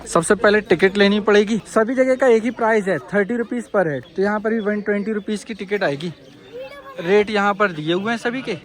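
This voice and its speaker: A man's voice: high voice, normal speed. A man filming a casual travel vlog outdoors on a phone, chatty and addressing viewers as brother. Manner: chatty, often says "bhai" to viewers. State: slightly tired from climbing. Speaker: travel vlogger. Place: outdoors in parks and streets.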